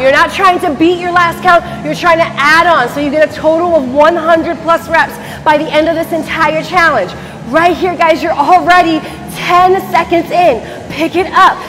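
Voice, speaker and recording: A woman in her thirties coaching a high-energy workout class, barking urgent, motivating commands like a gym coach. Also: steady tone, moderate pace, fairly bright tone. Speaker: fitness instructor. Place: large empty dance studio, indoors. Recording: echoey studio hall, distant mic, faint music.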